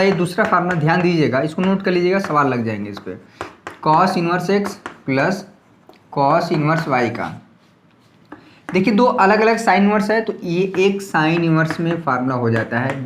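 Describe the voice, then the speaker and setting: A man with a slightly high voice teaches a maths lesson at a board, his throat a little sore. He talks casually and keeps checking that the students follow, repeating things like "clear?" The room is echoey, with slight background noise.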